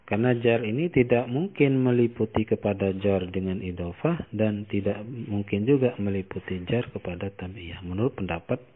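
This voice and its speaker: A man's voice: fairly low pitch, moderate pace, narrow, tinny audio. An Indonesian-accented man teaching a classical text, reading Arabic phrases aloud and translating each one in turn. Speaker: Islamic teacher. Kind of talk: classical text study lesson.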